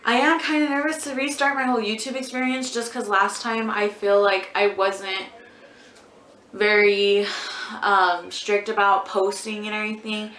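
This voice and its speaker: A twenty-year-old beauty vlogger answers viewer questions in a casual, rambling Q&A, full of ums and likes. Her medium-pitched, fairly bright voice stays level at a normal speed. The room is echoey, and there's slight background noise.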